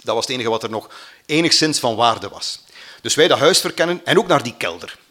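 A man's voice: mid-range voice, fairly quick. Flemish man telling a personal story. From Belgium. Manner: animated, acts out quoted voices.

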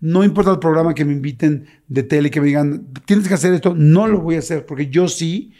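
Give me an animated man telling a scary story in a warm, mellow voice. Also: fairly high pitch, fairly quick. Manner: animated, acts out screams and gasps. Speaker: guest. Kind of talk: casual storytelling.

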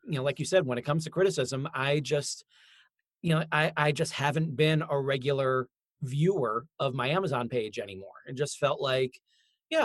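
Casting: male author in casual conversation, mid-pitched, informal, rambling, modest, close dry sound. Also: dry recording.

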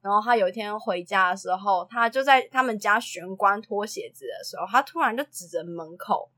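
Lively woman telling stories. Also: medium pitch, a little fast. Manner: animated storyteller who acts out quotes and laughs often. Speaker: preschool teacher and podcast co-host. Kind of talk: casual chat, telling anecdotes.

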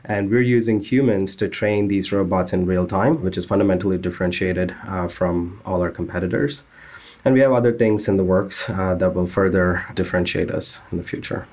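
A man with a low, deep voice answers interview questions as a company founder. He talks earnestly and technically, often pausing on "uh" as he explains. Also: steady tone, a little mellow. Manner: earnest, technical, with frequent "uh" fillers. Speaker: startup founder.

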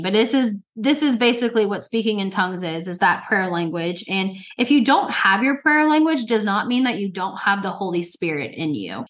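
A woman's voice: mid-range voice, a bit bright. A woman co-hosting a faith podcast, explaining in an encouraging, casual way with "like" fillers. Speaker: podcast co-host.

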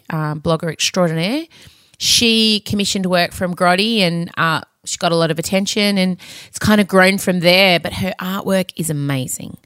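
An Australian woman chats casually as the host of her own podcast. She is candid and cheeky, effusive in her talk, with a mid-pitched voice recorded close and very dry at home. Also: no room sound. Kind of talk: casual solo podcast chat.

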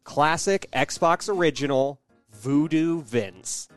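A man's voice: a little high, slow pace, soft background music. A man co-hosting a podcast, talking casually about video games. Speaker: podcast co-host.

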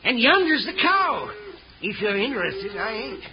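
A cranky old rancher. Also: male voice, very high voice, big pitch swings, moderate pace, crowd noise, full character voice. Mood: grumpy. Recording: muffled old radio recording with hiss.

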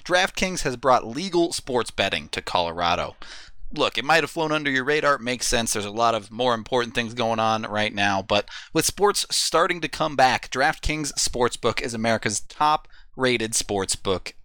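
A man podcast host reading a fast legal disclaimer at the end of an ad, rattling through the terms almost in one breath. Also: medium pitch, animated, pushed and bright, no echo.

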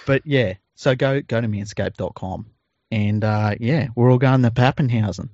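A man's voice: medium pitch, moderate pace, a little mellow, no room sound, highs cut off. An Australian man co-hosting a podcast in casual chat and informal ad reads, with a jokey, informal manner. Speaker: podcast co-host.

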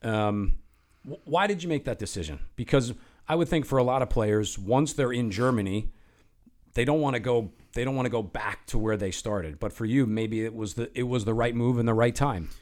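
A man's voice: medium pitch, moderate pace, a little mellow. A man hosting a sports podcast, asking long, conversational questions with many restarts. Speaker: podcast host. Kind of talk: casual interview questions.

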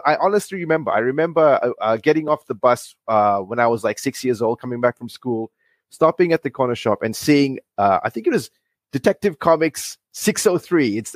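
Friendly halting man from Fiji. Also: mid-range voice, dry recording, studio quality. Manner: friendly, halting, many restarts. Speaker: guest, comic creator. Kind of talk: casual interview.

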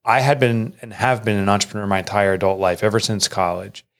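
A fast talker with a steady tone, this middle-aged author and entrepreneur relates a personal story in an interview. His delivery is earnest and emotional, and he jumps up in pitch to quote people.

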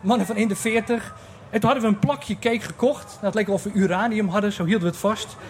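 High-voiced man in his forties telling a story. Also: fairly even intonation, fast, a little hiss or hum. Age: 40s. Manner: comic, acts out the voices of others and sound effects. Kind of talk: personal anecdote told to listeners.

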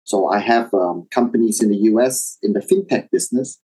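A middle-aged man from Taiwan, raised in Indonesia, speaking as an interview guest in a measured, reflective way with some fillers. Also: on the low side, mellow, husky, low-quality recording. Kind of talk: interview, personal background.

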